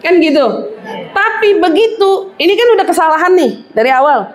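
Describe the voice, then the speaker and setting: An Islamic preacher with a very high, expressive voice gives a parenting lecture at a moderate pace in a mosque hall, acting out mothers' lines and laughing often. The hall is echoey, with audience noise and some chatter behind her.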